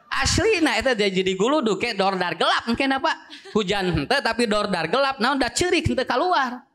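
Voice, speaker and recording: A man's voice: very high-pitched, very animated, normal speed, a bit bright. A male Islamic preacher with a Sundanese accent, giving a sermon in a joking, storytelling way that switches between two languages.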